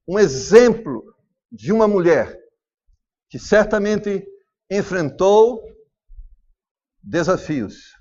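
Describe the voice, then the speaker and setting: Brazilian male pastor, lively high voice, dull lo-fi church recording. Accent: Brazilian Portuguese. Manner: animated preaching, acts out family dialogue. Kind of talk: sermon.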